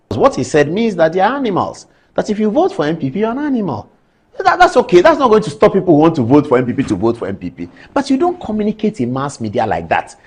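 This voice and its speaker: A man's voice: very high-pitched, darkish tone, breathy edge. A man with a Ghanaian accent, hosting a TV show and lecturing with rhetorical questions. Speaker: TV show host. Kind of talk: televised opinion commentary.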